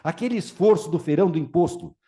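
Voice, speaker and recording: A man with a Brazilian Portuguese accent giving a lively public talk on taxes, acting out little scenes in different voices. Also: high voice, quick pace. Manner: animated, acts out voices in anecdotes. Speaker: speaker on tax reform.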